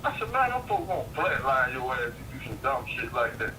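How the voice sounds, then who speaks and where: A man's voice: mid-range voice, very animated, brisk, far from the mic, background noise. A man in a casual phone chat, heard over a phone line, telling rambling, slangy, profane stories.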